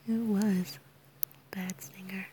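A woman whispering an ASMR comfort roleplay, soft and soothing, often giggling and humming quietly. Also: medium pitch, level tone, slow, slight background noise, poor audio.

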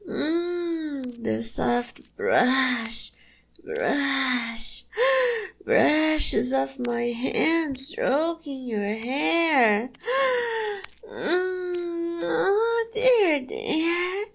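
A woman playing a cooing succubus lover, slow and breathy. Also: high-pitched, heavily acted. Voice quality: soft, breathy, moaning between phrases. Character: doting adult female succubus, soft motherly lover. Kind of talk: erotic audio roleplay.

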